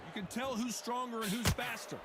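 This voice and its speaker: Energetic sports commentator, high pitch, boxing play-by-play, video game broadcast, heavy crowd noise. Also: male voice, a little fast. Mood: excited. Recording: loud arena crowd noise. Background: roaring crowd, arena ambience.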